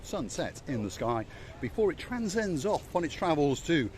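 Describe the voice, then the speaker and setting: A man's voice: on the high side, very animated, normal speed, darkish tone, a little hiss or hum. Older male vlogger, walk-and-talk hotel tour, gushing, repeats his praise, recorded on a handheld camera. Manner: enthusiastic, repeats praise words. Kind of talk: casual walk-around commentary. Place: outdoors and indoors in a hotel, walking.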